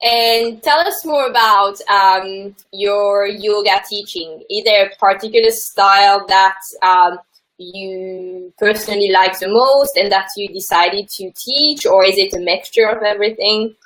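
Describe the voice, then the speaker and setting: A woman's voice: medium pitch, unhurried, a bit bright, poor audio. A woman hosting a live interview, friendly and giggly. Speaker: host, life coach.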